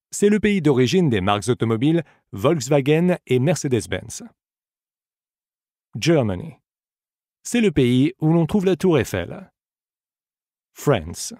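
A man reading a scripted audiobook language lesson, giving slow, careful model pronunciations for the listener to repeat. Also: a little high, dark tone, no room sound, clean studio sound. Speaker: language teacher.

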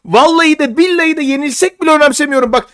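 A man's voice: extremely high pitch, racing, a bit bright, dry recording. A man ranting angrily on a live stream after a football half, furious and exasperated, repeating oaths and rhetorical questions, shaking with anger. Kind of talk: angry live-stream rant. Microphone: cheap desk microphone.

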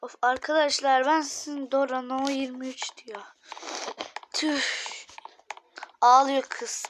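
A woman with a high voice talks her viewers through a game she is playing. She takes her time, speaking at an unhurried pace. She is chatty and often slips into a whisper. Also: level tone, a bit bright, a little hiss or hum. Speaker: gaming YouTuber. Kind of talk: casual gaming commentary.

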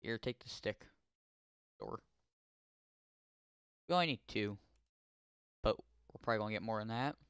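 Young man, let's-play commentary, bright crisp voice, dry close sound, slow unhurried talk. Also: on the low side, expressive, no echo. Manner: yells and swears when startled; talks to in-game characters. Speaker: gameplay commentator.

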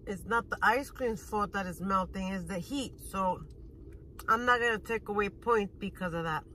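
A thirty-something woman vlogs a food review from a parked car, talking chattily with her mouth full and smacking as she goes. Her mid-range voice sounds pushed and bright at a moderate pace. The phone camera at arm's length gives a low-quality recording with a little hiss or hum.

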